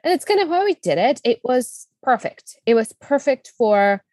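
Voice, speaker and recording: Very animated at a moderate pace, a woman in her thirties with a Czech accent speaks in a fairly high, slightly mellow voice. She's a Czech business coach eagerly telling her story as a talkative guest, using many fillers, in a casual interview. The clean studio recording has no echo.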